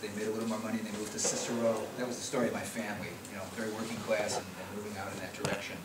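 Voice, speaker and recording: Racing through his talk in a lowish voice with little pitch movement, a middle-aged policy researcher from the Chicago area presents slides conversationally in a conference meeting room. He frequently restarts and repeats words. The noisy recording was made from far off in an echoey room.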